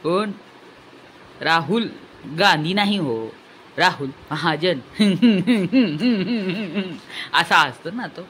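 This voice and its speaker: A woman's voice: low-pitched, slow, long pauses, bright, forceful tone. Woman, comic vlog commentary, teasing, mocking sing-song repeats, laughing often, faint background noise. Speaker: commentary vlogger.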